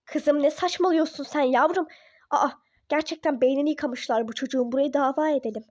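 A woman doing a pushy coaxing mother, lower-pitched. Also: brisk, a little mellow, no room sound, close to an everyday voice. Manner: coaxing, dismissive. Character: pushy middle-aged mother. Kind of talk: toy-app role-play drama.

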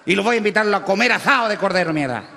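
A brash Chilean huaso with a high, bright voice. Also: male voice, animated, rapid-fire, gravelly, full character voice. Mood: boastful. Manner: brash, crude slang, shouty punchlines. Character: crude rowdy rural Chilean huaso man running for mayor. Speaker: comedian in character. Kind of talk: stand-up character monologue. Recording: live stage with long reverb.

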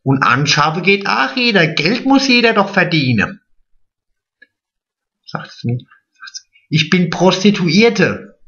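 A man's voice: high voice, very animated, takes it slowly, long pauses, pushed and bright, lo-fi sound, heavily acted. A man playing a vain, chatty, naive middle-aged woman in a drag comedy monologue, stretching his words. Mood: gossipy.

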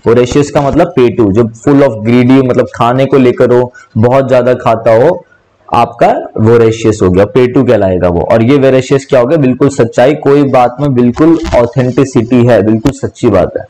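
A man's voice: mid-range voice, moderate pace, dark tone, low-quality recording. A young man teaching a vocabulary class online, explaining word meanings with repetition and spelling words out letter by letter. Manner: mixes English words into speech.

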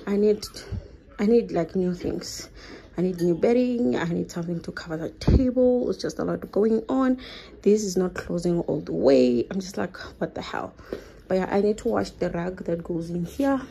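A woman's voice: lowish voice, animated, moderate pace, creaky, dark tone, husky. A young woman, chatting casually to the camera at home while doing chores. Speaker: vlogger and mother. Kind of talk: casual home vlog chat.

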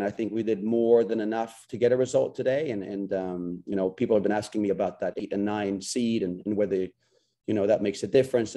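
Speaking from a cramped locker room over a video call webcam, this head coach in his forties fields post-game questions in a warm, fairly low voice. He comes across as earnest, and he tends to repeat words whenever he begins a sentence.

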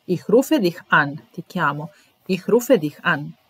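Her voice is lowish, husky, and expressive as she leads a German vocabulary lesson for Italian speakers. Each word comes out slowly and gets repeated alongside its translation and sample sentences.

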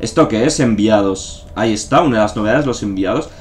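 A man's voice: lowish voice, brisk, slight background noise. A man with a Spain Spanish accent giving casual gameplay commentary, thinking aloud with fillers, swearing and joking. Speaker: gameplay streamer. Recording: faint game music behind. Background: faint game music.

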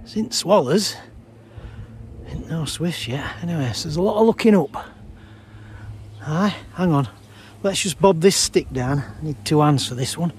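A man in his fifties with a Sheffield-area Yorkshire accent, rambling in dialect in a deadpan, halting way, as in a casual comic vlog. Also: a little high, a little hiss or hum. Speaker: comic video monologuist. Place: outdoors in a garden. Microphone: phone at arm's length.

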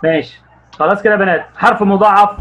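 A man with an Egyptian Arabic accent teaching young pupils online, encouraging them and quizzing them by name, stretching out words slowly as he reads. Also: high voice, dull audio, a little hiss or hum. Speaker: primary school Arabic teacher.

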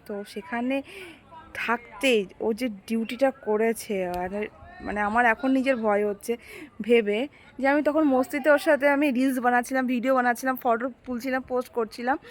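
Young woman vlogger, subdued and under the weather, chatting outside. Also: on the high side. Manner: quiet and subdued, with many hesitations. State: unwell, speaking softly. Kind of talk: casual vlog chat. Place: sitting outdoors.

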